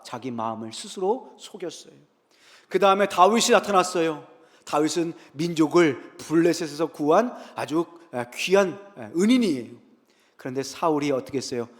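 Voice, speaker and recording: A man preaches from the pulpit with a somewhat high voice. He retells scripture as a story, firing questions at his listeners and answering them himself. His voice rings out with a long reverb through a large church sanctuary. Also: normal speed. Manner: lively storytelling retelling Bible scenes. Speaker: pastor. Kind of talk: sermon.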